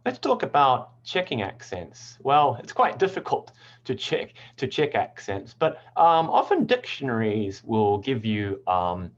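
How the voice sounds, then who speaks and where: A man from New Zealand, whose accent blends New Zealand, American, and British features, explains English pronunciation in a relaxed online lesson, often saying "um". His mid-range voice is unhurried, and the recording's highs are cut off.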